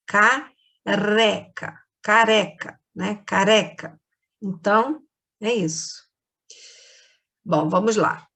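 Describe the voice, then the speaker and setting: A woman's voice: medium pitch, creaky, breathy edge. A woman with a Brazilian Portuguese accent, teaching a remote lesson to children and explaining things patiently step by step, often checking in with short tag questions. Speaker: primary school teacher.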